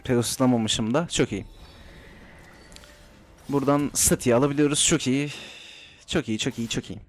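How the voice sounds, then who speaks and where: A man's voice: mid-range voice, moderate pace. A young man giving casual commentary while playing a game, chatty and teasing his opponents, talking to himself at times. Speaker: gaming YouTuber. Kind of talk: live gameplay commentary.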